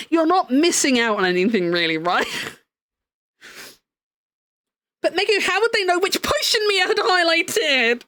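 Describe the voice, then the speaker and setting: High, lively-voiced woman streamer chatting. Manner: chatty and profane, laughing often, many "like" fillers. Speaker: VTuber streamer. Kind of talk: casual live-stream chat.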